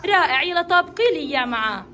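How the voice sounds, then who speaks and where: A woman's voice: high-pitched, expressive, rapid-fire, sharp tone, a faint crowd, a little hiss or hum. A woman teaching a classroom of young children to count, coaxing and praising each child in turn. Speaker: kindergarten teacher.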